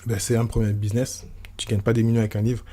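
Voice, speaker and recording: Man, podcast host, rapid rambling talk, low mellow voice. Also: level tone, breathy edge. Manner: rambling, many restarts and fillers, informal tutoiement. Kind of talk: solo podcast monologue.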